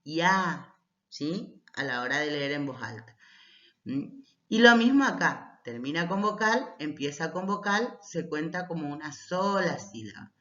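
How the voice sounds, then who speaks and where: Slow, patient woman teaching a class. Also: sits low, expressive, a bit bright. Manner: patient explanatory, checks in with short "¿mm?" and "¿sí?"; reads poems aloud slowly. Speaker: language teacher. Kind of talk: recorded class lecture. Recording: roomy, dull lo-fi recording.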